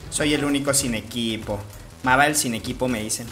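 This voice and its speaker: A man with a Mexican Spanish accent giving live gameplay commentary as a streamer, jokey and profane, with sudden excited outbursts. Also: mid-range voice, brisk, over music. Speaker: gaming streamer.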